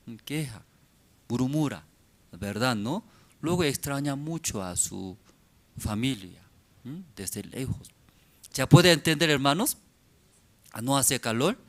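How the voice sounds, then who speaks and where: Slow, questioning male pastor. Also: mid-range voice. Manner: keeps asking the congregation rhetorical questions; halting, simplified phrasing with many pauses and fillers. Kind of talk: sermon. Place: church service.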